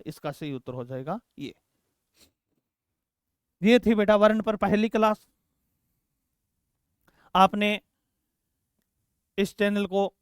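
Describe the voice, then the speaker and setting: A man's voice: very high-pitched, clear, resonant tone, no room sound, clean studio sound. A man teaching an exam-prep grammar lesson, explaining step by step, repeating key words and addressing students fondly.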